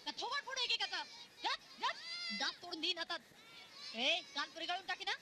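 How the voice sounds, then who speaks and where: A harsh shouting schoolteacher. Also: female voice, extremely high pitch, expressive, moderate pace, very noisy. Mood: scolding. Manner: shouting threats, sharp scolding. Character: harsh strict schoolteacher woman, scolding children. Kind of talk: 1990s film acting.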